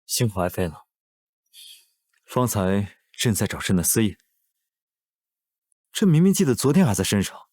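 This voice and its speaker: An actor playing an indulgent, commanding emperor in a costume drama, with stately, measured speech and a husky voice. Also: male voice, lowish voice, very animated, darkish tone. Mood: concerned. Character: indulgent, commanding emperor devoted to his consort.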